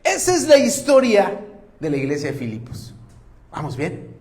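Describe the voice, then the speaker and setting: A pastor with a notably high voice preaches to his congregation. He tells the story in an animated way, throwing out rhetorical questions and light jokes. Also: normal speed. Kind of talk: sermon.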